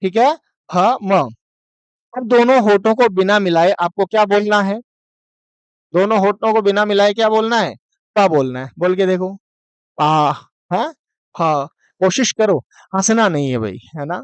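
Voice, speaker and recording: This man's voice sits high and has a clear, resonant tone, with no echo; he speaks at a moderate pace and pauses often. Leading an online Sanskrit lesson, he asks his students questions, supplies the answers himself, and drills sounds one syllable at a time, switching between Hindi explanation and read-aloud Sanskrit.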